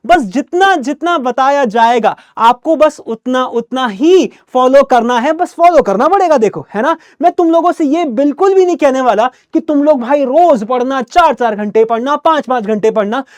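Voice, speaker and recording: In a lively online English class, a young man acts like a friendly big brother, regularly checking in with his students. His voice is very high-pitched, and the recording is dry and studio quality.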